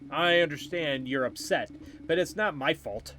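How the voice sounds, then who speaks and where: A man's voice: on the high side, normal speed, sharp tone, slight background noise. A man reading a curt, dismissive woman. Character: sharp-tongued woman, stranded motel guest. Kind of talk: reading game dialogue aloud.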